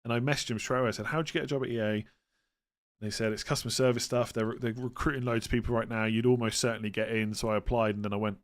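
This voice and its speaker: A man's voice: mid-range voice, fairly even intonation, fast talker. A man with a West Country English accent chatting informally on a livestream, reading out questions and answering them in a matter-of-fact way. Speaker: fantasy football livestream host. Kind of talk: casual livestream chat answering viewer questions.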